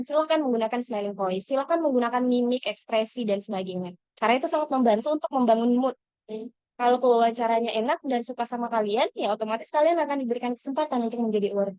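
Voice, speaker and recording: A woman's voice: on the high side, darkish tone, clean tone, no room sound. A woman mentoring scholarship applicants in an online lesson, speaking encouragingly to the audience with frequent fillers and self-corrections.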